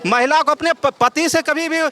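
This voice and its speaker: A man's voice: extremely high pitch, steady tone, normal speed, sharp tone. A man, a member of the public speechifying in a mocking, emphatic way in a street vox pop outdoors.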